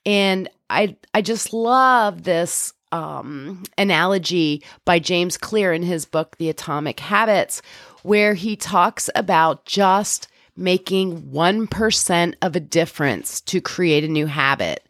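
A woman's voice: on the low side, slow pace, fairly bright tone, dry recording, studio quality. A woman with a congested, head-cold sound to her voice, hosting a solo podcast in a conversational, instructive and encouraging way. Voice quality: stuffy, congested nose. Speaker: podcast host and health coach.

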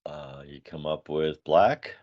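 A man's voice: rumbling low, takes it slowly. An older man, a grandfather, hosting a morning podcast in a laid-back, casual way, hesitating with ums. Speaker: podcast host. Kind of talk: casual morning show chat. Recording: dull lo-fi sound.

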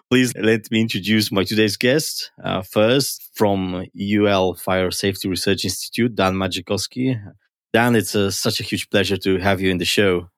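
A man's voice: fairly low pitch, no echo, clean studio sound. A man hosting a science podcast in a conversational, explaining style, with an enthusiastic, curious manner. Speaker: podcast host.

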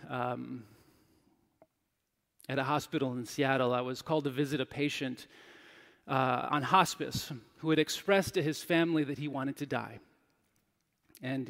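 A man's voice: medium pitch, fairly even intonation, normal speed, creaky, a bit bright, big-room sound. A man giving a sermon, telling a personal story in a candid, self-deprecating way. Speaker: pastor.

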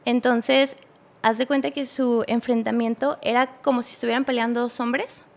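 A young woman with a Mexican accent, a podcast guest telling a personal story in a halting way with many restarts. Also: on the high side, steady tone, gravelly.

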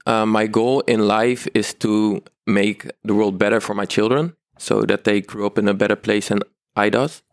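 A man's voice: lowish voice, fairly even intonation, moderate pace, no echo, clean studio sound. A man, introducing himself informally on a podcast. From Rotterdam, Netherlands. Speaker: student panel guest.

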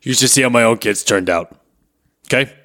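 A man's voice: mid-range voice, a little fast, a bit bright, lightly acted. A man playing a bossy, profane ad man who barks orders in improvised comedy. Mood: angry. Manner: angry, barking orders, profane. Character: bossy foul-mouthed male ad man. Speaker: podcast co-host. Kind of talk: improvised comedy role-play.

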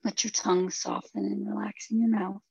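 A woman guides a relaxation meditation in a soft, breathy voice with heavy vocal fry, sometimes close to a whisper. Her tone is dark and mellow, and she gives instructions gently and soothingly. The recording is close and dry, slightly muffled. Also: mid-range voice, flat delivery, moderate pace, no room sound. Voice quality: soft, breathy, husky, at times near a whisper.

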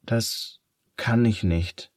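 A man voicing a shy, strange new schoolboy who speaks very quietly, slowly and softly. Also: lowish voice, dry recording, clean studio sound. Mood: timid. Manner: very quiet, slow and soft.

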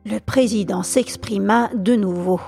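Slow, measured woman storyteller. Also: mid-range voice, gravelly, warm tone, breathy edge, faint music behind. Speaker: podcast storyteller. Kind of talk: reading a classic novel aloud.

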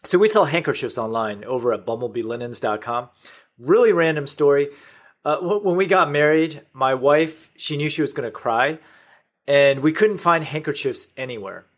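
A man's voice: fairly high pitch, moderate pace, a bit bright. A middle-aged man from the United States, a podcast guest telling his business story in a matter-of-fact way. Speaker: podcast guest, online store owner. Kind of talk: conversational interview.

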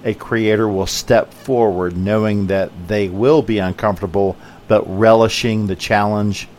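A man hosting a podcast, giving a measured scripted motivational talk built on emphatic contrasts. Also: fairly low pitch, slight background noise. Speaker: podcast host.

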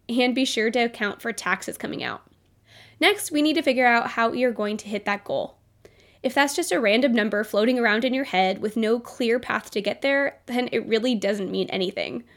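A young adult woman hosting a solo business podcast, upbeat and motivational, her voice nasal from a cold. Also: a little high. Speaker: podcast host.

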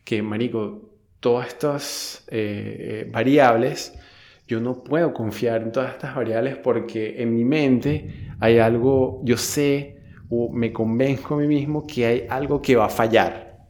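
A man's voice: mid-range voice, fairly even intonation, unhurried, a little mellow. Young Venezuelan man, casual storyteller, slangy and profane, rambles with restarts.

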